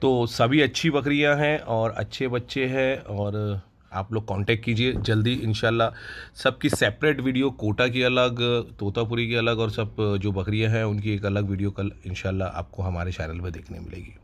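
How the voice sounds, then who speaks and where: A man with a low voice shows off the animals on his goat farm, talking in an easy, unhurried way and often pausing to find his words. He is recorded on a handheld phone camera, outdoors in the farm yard at night. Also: slight background noise. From India. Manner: relaxed, unhurried, with frequent hesitations. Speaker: goat farm owner showing stock. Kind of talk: casual promotional farm tour.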